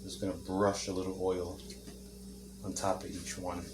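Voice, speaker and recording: A man with a fairly low voice talks his way through a home cooking demonstration in an easygoing, joking manner. He is recorded on a camera mic in his kitchen, with faint clinking of dishes and pans behind him. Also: little pitch movement, moderate pace, noisy background. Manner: chatty, joking, talks while eating. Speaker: home cooking video host. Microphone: camera mic, no camera operator.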